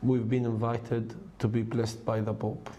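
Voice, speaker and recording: A Palestinian man in his thirties telling his own story in halting English, with many fillers and restarts. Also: mid-range voice, little pitch movement, mellow. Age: 30s. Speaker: interviewee. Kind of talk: personal testimony. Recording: music bed underneath.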